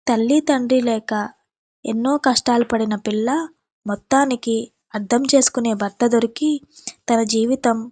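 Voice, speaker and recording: A woman's voice: on the high side, a little slow, pauses often, dark tone, no room sound. A woman narrating an emotional family story in a plain, sympathetic way.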